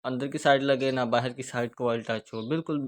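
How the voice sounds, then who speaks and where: A man with a Pakistani Urdu accent giving a hands-on speaker repair tutorial, explaining each step steadily as he works. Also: medium pitch. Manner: steady, repetitive explaining while working with hands.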